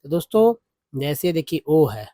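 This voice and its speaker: A man's voice: on the high side, sing-song, normal speed, dark tone, no echo. A man teaching a lesson in a patient, repetitive way, with many fillers. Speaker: English teacher. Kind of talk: spoken Hindi lesson on English vowel sounds.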